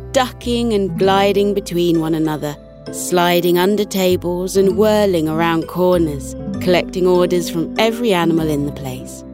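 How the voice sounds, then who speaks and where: A woman with a slightly low voice tells a children's sleep story over music. She reads as a podcast narrator, soothing and unhurried, as if easing young listeners toward bed.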